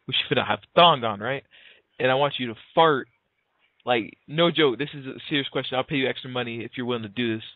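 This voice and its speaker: This early-twenties prank caller puts on a sincere act, hesitant and slangy in a laid-back way, and he talks fast at medium pitch. The call sounds narrow and tinny, with no room sound.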